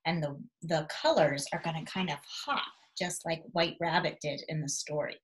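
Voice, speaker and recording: A woman in her thirties, a teacher, gives young children simple, direct instructions for an activity at home, moving between the living room and the kitchen. Her voice is low-pitched with fairly even intonation and a moderate pace. The recording is rough, made on a device camera about arm's length away or a little farther.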